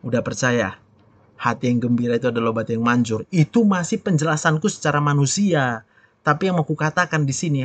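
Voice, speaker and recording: Male speaker for a faith talk on a stream, mid-pitched, animated with sudden hushed asides, dry close sound. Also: no room sound. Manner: animated, swings from loud exclamations to soft quiet asides. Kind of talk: live-stream preaching talk.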